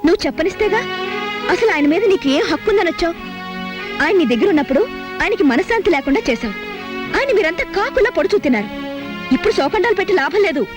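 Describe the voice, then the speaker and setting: An actress playing a sharp-tongued young unmarried woman who scolds bluntly. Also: very high voice. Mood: scornful. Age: young adult. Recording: film soundtrack with music behind.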